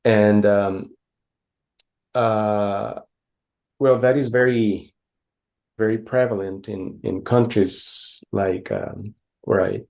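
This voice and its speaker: Gravelly low-voiced man from Costa Rica. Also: fairly even intonation, takes it slowly, long pauses, a little mellow. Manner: hesitant, many fillers and restarts. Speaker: conference presenter. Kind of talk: conference talk with slides.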